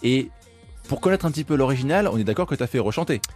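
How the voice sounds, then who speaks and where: A man hosting a podcast, chatting casually and questioning a music producer with quick interjections. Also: mid-range voice, lively intonation, darkish tone.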